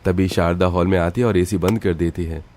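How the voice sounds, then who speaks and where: A man narrating a cartoon family story in a steady, scripted way. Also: sits low, fairly quick.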